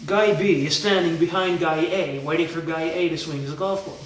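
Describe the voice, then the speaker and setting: Man, casual storyteller, rambling retellings, slightly high voice, roomy echo, distant mic, faint hiss. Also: steady tone, normal speed, a bit bright. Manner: rambling storyteller with restarts, acts out quoted lines. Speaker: co-host. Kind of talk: casual chat, retelling movie scenes and jokes.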